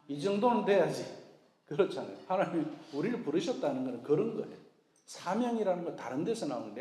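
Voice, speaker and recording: A man's voice: on the high side, dark tone. A male pastor preaching a sermon in a conversational way, acting out prayers and God's replies in his own voice. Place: church sanctuary. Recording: echoey church hall.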